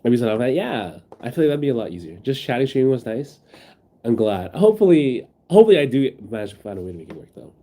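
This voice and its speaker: A man's voice: mid-range voice, very animated, fast, dark tone. A sick, sniffling man streaming from his phone, rambling in casual chat with his viewers and reading their messages aloud. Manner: rambling, reads chat aloud, many fillers.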